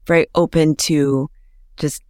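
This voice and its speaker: A woman's voice: low voice, level tone, a little slow, a little mellow, no room sound, clean studio sound. A woman with a Kenyan accent speaking reflectively and expressively as an interview guest.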